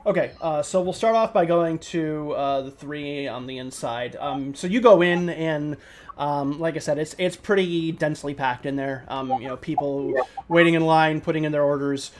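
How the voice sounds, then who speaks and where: A man narrating a tabletop game as game master, relaxed and full of ums and likes. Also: a little high, moderate pace.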